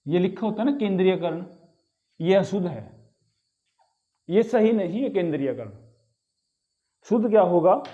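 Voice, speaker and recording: A man's voice: high voice, dull audio. A man teaching a grammar lesson, patiently repeating key words and asking the class rhetorical questions. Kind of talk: explanatory lesson.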